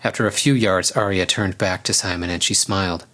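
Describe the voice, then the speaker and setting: Calm male storybook narrator, low-set voice. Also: brisk.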